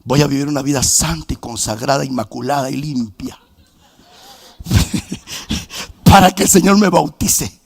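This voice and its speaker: A middle-aged man from preaching a sermon as a pastor, telling his own story with quoted dialogue and bursts of shouting. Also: mid-range voice, measured pace, creaky, long pauses, slightly rough, no echo. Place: church sanctuary.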